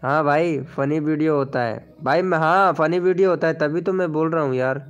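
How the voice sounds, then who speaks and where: A man's voice: a little high, moderate pace, dull audio. A man hosting a casual live stream, chatting with viewers and reading out their names and comments. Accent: Hindi. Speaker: live stream host promoting channels. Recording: faint background music.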